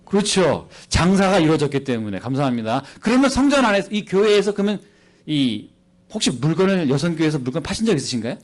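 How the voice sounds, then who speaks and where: A man preaching as a missionary at a church service, animated and playful, quizzing the congregation into a handheld microphone. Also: on the high side, quick pace. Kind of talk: sermon.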